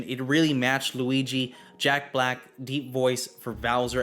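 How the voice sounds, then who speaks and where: A man talking through a movie review at a medium pitch, neither high nor low. He lays out his opinions bluntly and plainly, with firm verdicts. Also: fairly bright tone. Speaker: film reviewer.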